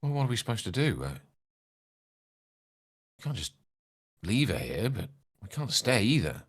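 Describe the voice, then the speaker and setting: A man's voice: fairly low pitch, big pitch swings, moderate pace, slightly rough. A man speaking as a player in a tabletop role-playing game, wry and wordy, with old-fashioned turns of phrase. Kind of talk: in-character tabletop game chat.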